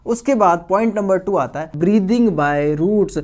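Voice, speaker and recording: A man's voice: high-pitched, slow pace, darkish tone. A man giving a recorded science lecture to school students. He keeps asking questions and answering them himself, and repeats the key terms. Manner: addresses students as friends and guys. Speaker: science teacher.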